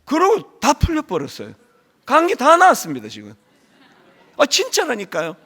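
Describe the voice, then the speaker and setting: High, lively Korean pastor with gravelly voice. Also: male voice, moderate pace. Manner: storytelling, acts out voices of church members. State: lingering cold. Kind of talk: sermon.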